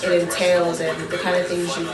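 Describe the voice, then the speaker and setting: A woman's voice: fairly low pitch, monotone, fairly quick, echoey room, a crowd in the background, low-quality recording. A woman hosting a casual interview, friendly and agreeable, often saying "you know". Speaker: interviewer, host.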